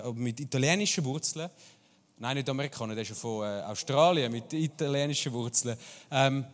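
Swiss pastor preaching in a reverberant hall. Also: male voice, on the high side. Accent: Swiss German. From Switzerland. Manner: conversational, addresses listeners directly. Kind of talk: sermon.

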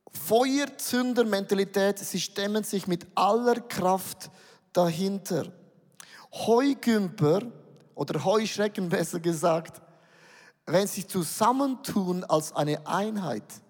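A man's voice: high-pitched, darkish tone, in a large hall. A man with a Swiss German accent preaching a sermon, emphatic, repeating words and asking rhetorical questions.

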